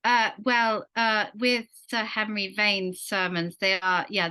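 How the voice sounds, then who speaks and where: A woman's voice: fairly low pitch, sharp tone, low-quality recording. A woman giving an academic lecture, fluent in her prepared text and apologetic when answering questions. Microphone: video call.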